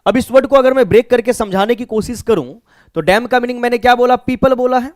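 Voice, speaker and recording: Man, Bihari accent, high voice, dry close sound, classroom vocabulary lesson, asks and answers his own questions. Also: quick pace, no echo. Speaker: teacher. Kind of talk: exam-prep vocabulary lesson.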